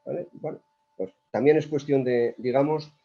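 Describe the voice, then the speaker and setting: A man's voice: medium pitch, normal speed, vocal fry, husky. A man with an accent from Spain, an energy company executive speaking in a panel debate over a video call, hesitant and often repeating his words. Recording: dull lo-fi call audio.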